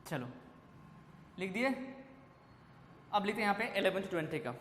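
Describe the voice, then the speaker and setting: A man with a fairly high voice runs a classroom lecture, calling out questions and answering them for his students. His voice rings through a big hall with a long echo. Faint room noise sits behind him. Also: big pitch swings, normal speed, fairly bright tone. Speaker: chemistry teacher. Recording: echoey classroom with faint ambience.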